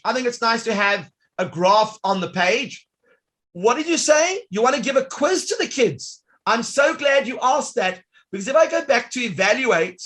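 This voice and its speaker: This very high-pitched man runs a live web workshop, walking through software in a cheerful, performative manner aimed right at the audience.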